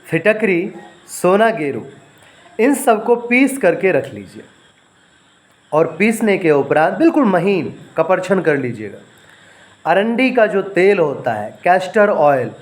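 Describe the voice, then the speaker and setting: A man teaching home remedies, dictating ingredient lists slowly and repeating and spelling out words for listeners to write down. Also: fairly high pitch. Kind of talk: instructional home-remedy talk.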